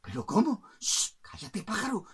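A woman voicing a nervous royal cook, hushing and fretting in a hurry. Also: mid-range voice, big pitch swings, husky, voice pushed up, full character voice. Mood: flustered. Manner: hurried, fretful hushing.

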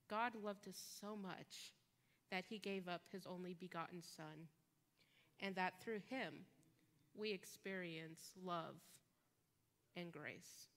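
A woman preaching a sermon as a guest preacher in a church, measured and emphatic, pausing on key words. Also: lowish voice, a bit bright. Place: church sanctuary. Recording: long church reverb.

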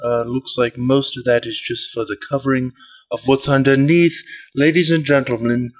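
A man putting on a polite, earnest golf commentator, giving measured, deliberate mock sports commentary. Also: mid-range voice, fairly even intonation, natural voice. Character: mock golf announcer, male, polite, earnest, calling an unboxing.

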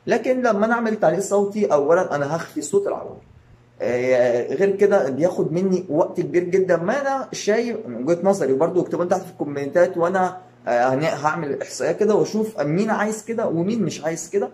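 Brief: Egyptian YouTuber, male, quick and rambling casual update, lots of fillers. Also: high-pitched, expressive, darkish tone. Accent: Egyptian Arabic. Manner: rambling, many fillers and restarts. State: tired. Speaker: YouTube channel host. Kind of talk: casual channel update to viewers.

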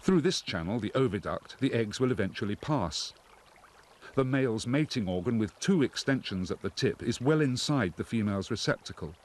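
A man reading scripted nature documentary narration in a measured, explanatory way. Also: medium pitch, expressive, a little hiss or hum.

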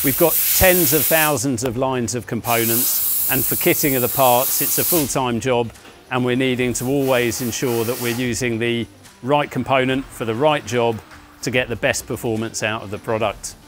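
A man in his thirties leads a walking tour of his company's factory and offices, speaking at a middle pitch. His delivery is measured and explanatory, with frequent "uh" fillers, and he sounds close to a clip-on mic. Faint music plays underneath. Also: steady tone. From England. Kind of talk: guided walking tour presentation. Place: large indoor offices and factory floor.

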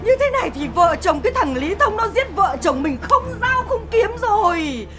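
An actress playing a scheming village wife who wails and nags loudly in a slapstick comedy film. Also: female voice, extremely high pitch, big pitch swings, normal speed, over loud music. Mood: lamenting. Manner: loud lamenting cries, nagging.

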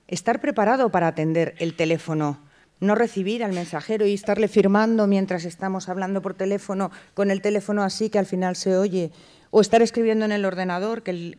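An animated woman from lectures a conference audience in a mid-range voice. She keeps the talk lively with rhetorical questions and short acted-out phone exchanges. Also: mid-range voice, a little fast. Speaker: conference speaker. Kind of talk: lecture at a clinical communication conference.

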